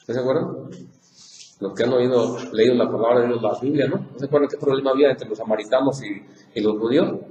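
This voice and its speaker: Mexican spanish guy leading bible study, keeps quizzing the group, mellow dark voice. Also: mid-range voice. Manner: repeats himself, asks the group questions. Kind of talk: informal Bible class talk. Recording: echoey room with faint noise.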